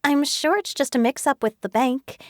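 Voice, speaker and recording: A woman voicing a kind young woman friend who speaks in a gentle, reassuring way. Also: sits high, moderate pace, no echo, clean studio sound, pitched above the performer's own voice, natural voice.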